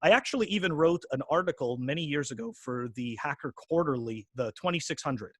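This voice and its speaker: A man's voice: a little high, lively intonation, a little fast, a bit bright, husky, no echo, clean studio sound. A man in his forties from Quebec, a podcast guest chatting casually, rambling with many restarts and fillers. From Quebec, Canada. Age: 40s. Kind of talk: casual interview chat.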